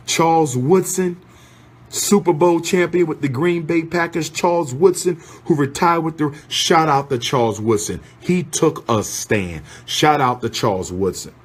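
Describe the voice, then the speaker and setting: A man's voice: mid-range voice, husky. A man giving impassioned, sermon-like commentary, fiery and repetitive as he calls people out one after another.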